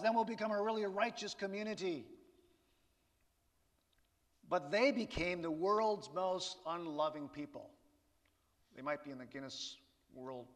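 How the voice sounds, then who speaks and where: A man preaching a sermon in a conversational way, with rhetorical asides to the congregation. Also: fairly high pitch. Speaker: pastor. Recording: reverberant hall.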